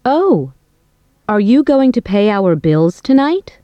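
A woman playing a young woman who talks about bills and plans with a friend, in a scripted language-course dialogue, speaking clearly and carefully. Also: a little high, big pitch swings, normal speed, mellow, dry recording, dull audio. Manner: clear, careful everyday speech.

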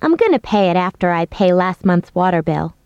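Woman doing a young roommate in a course dialogue, lively up and down voice, dry dull audio. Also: on the high side, a little slow, no room sound. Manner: expressive, clear scripted delivery. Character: young woman roommate explaining unpaid bills. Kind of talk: scripted dialogue for a language course.

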